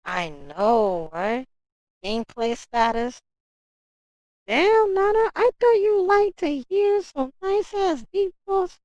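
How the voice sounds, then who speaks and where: Woman streamer, high lively voice, swears freely, chats with viewers, dry close sound. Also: slow pace, dry recording, dull audio. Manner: animated, profane ranting; talks straight to chat. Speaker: livestreamer. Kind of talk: casual livestream chat.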